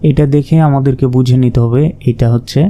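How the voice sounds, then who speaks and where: A man teaching Quran reading, slowly naming and repeating each Arabic letter and explaining how to pronounce it. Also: mid-range voice, level tone, dark tone. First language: Bengali. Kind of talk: slow letter-by-letter pronunciation lesson.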